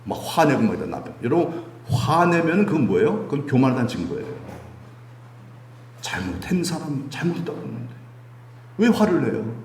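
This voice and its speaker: A man's voice: on the high side, fairly quick, a little hiss or hum. A male pastor preaching a sermon and leading prayer, often asking the congregation questions. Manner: animated, asks the congregation questions. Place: church sanctuary. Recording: echoey church hall with faint music.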